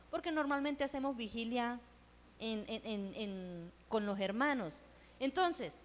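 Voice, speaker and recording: A middle-aged woman with a high voice shares an earnest testimony sermon and keeps turning to her listeners with questions. Her voice rings out with a long reverb in a church hall. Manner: earnest, asks the audience rhetorical questions. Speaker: missionary speaker at a church event.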